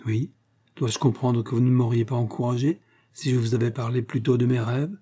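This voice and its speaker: A man's voice: mid-range voice, fairly even intonation, normal speed, warm tone, breathy edge, close to an everyday voice. A man voicing a shy, hopeful young woman confiding her love in a read-aloud novel, speaking eagerly.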